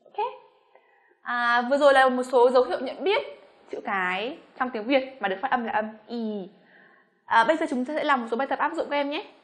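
High-voiced Vietnamese woman teaching pronunciation. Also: lively intonation. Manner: slow, drawn-out model words between quicker explanations. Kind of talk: pronunciation lesson.

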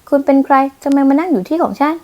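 A woman's voice: high-pitched, expressive, rapid-fire, dark tone, voice pushed up. A woman doing a feisty snappy young heroine. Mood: indignant. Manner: snappy, indignant. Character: feisty sharp-tongued young woman executive.

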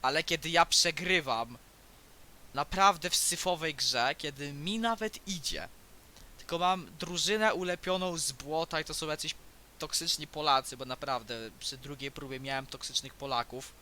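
Brief: teen boy YouTuber, under the weather with a cold, very bright cutting tone, chatty rambling gamer talk. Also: fairly high pitch, moderate pace. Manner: rambling, restarts sentences often. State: has a cold. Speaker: gaming YouTuber. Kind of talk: casual let's-play commentary. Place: home, indoors.

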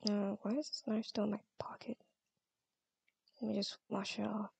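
A woman's voice: medium pitch, flat delivery, moderate pace, creaky, background noise. A young woman playing her own character in a Minecraft role-play, talking in a stammering, giggly and flustered way into a close mic. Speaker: role-play channel host.

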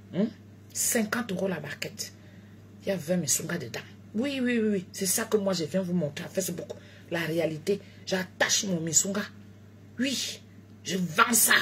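A tired woman chatting live to her followers, animated, jumping between loud exclamations and low murmurs and joking in broken English. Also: slight background noise. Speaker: food seller live-streaming on social media. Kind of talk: casual live chat to followers.

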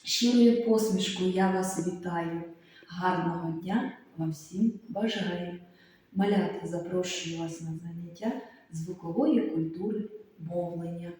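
A woman greets small children with a soft, rhyming welcome in the manner of a kindergarten teacher. She sounds far from the mic, and a long hall reverb surrounds her dark, mellow voice. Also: fairly low pitch, unhurried.

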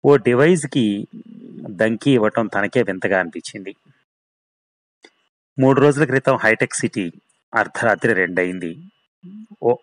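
A man narrating a thriller story in a steady storytelling manner. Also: lowish voice, no room sound, poor audio. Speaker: story reader.

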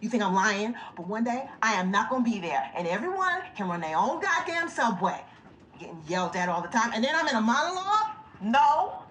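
A sassy fed-up subway clerk. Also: female voice, fairly high pitch, big pitch swings, brisk, fairly bright tone, slight background noise, rough recording. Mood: exasperated. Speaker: subway token booth clerk. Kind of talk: mockumentary monologue to camera.

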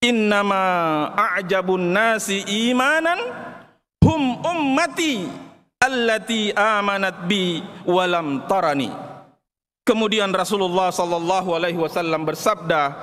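A man with a high, ringing voice preaches a formal Friday sermon, slow and emphatic, moving between plain speech and Arabic recitation. His words carry a long reverb from a vast mosque hall. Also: fairly bright tone.

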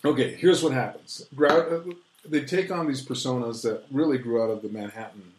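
A man's voice: mid-range voice, fairly even intonation, normal speed, noisy background. Man explaining at length in a roomy room. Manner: lecturing, many restarts. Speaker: author guest. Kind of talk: casual interview chat. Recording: roomy echo.

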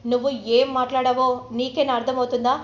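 A woman voicing an angry, stern middle-aged father who scolds loudly, in an echoey room. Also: high voice, little pitch movement, quick pace, close to an everyday voice. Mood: angry scolding. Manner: loud scolding, raised voice. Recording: roomy, slightly dull recording.

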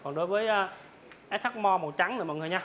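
A young man with a southern Vietnamese accent giving an informal, repetitive hard-sell pitch as a motorbike salesman, reeling off prices for buyers. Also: rapid-fire, fairly bright tone. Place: large open-sided motorbike warehouse. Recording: clear ambient noise of open warehouse.

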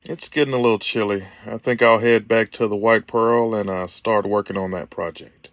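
A man hosting a casual, laid-back outdoor vlog at the lakeside, talking in an unhurried way. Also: lowish voice, fairly even intonation, no echo. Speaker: video host.

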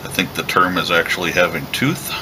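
A very deep-voiced man talks through a leathercraft job in a calm, step-by-step way as he works. He is recorded at his workshop bench, with a steady air conditioning hum clearly audible behind him. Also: fairly quick. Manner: relaxed, step-by-step explaining while working. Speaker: leatherworking instructor. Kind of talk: hands-on craft tutorial.

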